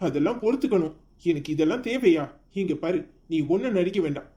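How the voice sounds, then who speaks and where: A woman's voice: lowish voice, lively intonation, quick pace, dark tone, lo-fi sound, close to an everyday voice. A woman voicing a stern, jealous young husband who scolds his wife in a cartoon story.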